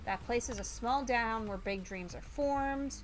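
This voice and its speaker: Unhurried and fairly high-pitched, this woman reads on-screen text aloud during her live game stream, muttering along before loudly exclaiming in exasperation. She is a VTuber streamer.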